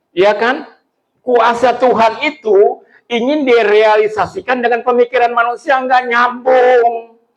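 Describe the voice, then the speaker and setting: A male pastor preaching a sermon in a loose, colloquial way, acting out the characters in his stories. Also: very high-pitched. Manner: colloquial, animated, acts out quoted characters.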